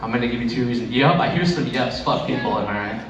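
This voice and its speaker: A man's voice: medium pitch, animated, fast talker, crowd noise. A man performing a stand-up comedy set in a conversational, profane way. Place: echoey room with live audience. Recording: echoey noisy room, distant mic.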